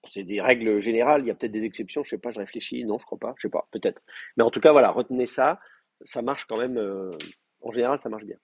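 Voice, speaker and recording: A man teaching in a classroom, walking students through grammar in a hesitant, thinking-aloud way. His voice is husky at a middling pitch. The recording is dull and dry, with little room sound. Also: fast, a little mellow, no echo. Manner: hesitant, many fillers and restarts while explaining. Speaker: Hebrew teacher. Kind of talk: classroom lecture.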